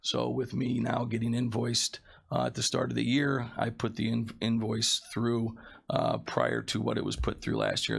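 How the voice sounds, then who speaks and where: Gravelly man feeling under the weather. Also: medium pitch. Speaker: facilities director presenting a report. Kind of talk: report at a committee meeting.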